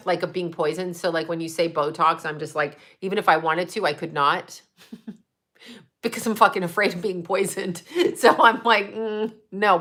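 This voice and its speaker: A low-leaning, fairly bright voice belongs to a female livestream host in her fifties. She chats casually through viewer comments, gives tips, and doesn't hold back on swearing or on mocking the trolls.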